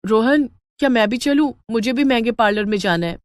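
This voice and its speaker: A woman voicing a vain young daughter-in-law in a cartoon, whiny and shrill. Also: lively intonation, fairly quick, no room sound, studio quality, lightly acted. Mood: panicked.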